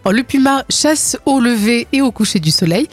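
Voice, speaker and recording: A woman co-hosting a casual morning radio show in a studio, telling news stories with a giggly, animated manner. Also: fairly high pitch, faint music behind. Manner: giggly, animated, quick to laugh. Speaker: radio co-host.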